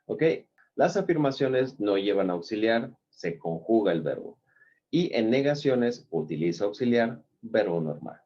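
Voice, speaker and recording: Low, mellow Mexican teacher explaining grammar. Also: male voice, big pitch swings, muffled recording. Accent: Mexican Spanish. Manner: explanatory, repeats examples slowly, frequent "ajá" and "ujú". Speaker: English teacher. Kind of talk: Spanish-language grammar lesson.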